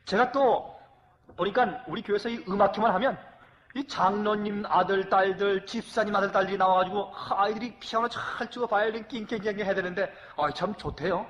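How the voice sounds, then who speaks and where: A middle-aged man preaching as a pastor, animated, swinging from loud exclamations to hushed confession. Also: high-pitched, fairly quick. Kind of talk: emotional sermon with acted anecdotes. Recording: long hall reverb.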